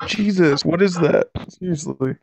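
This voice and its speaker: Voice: mid-range voice, measured pace, vocal fry, darkish tone, husky, dry recording, poor audio. A player in casual, in-character banter during a tabletop role-playing game.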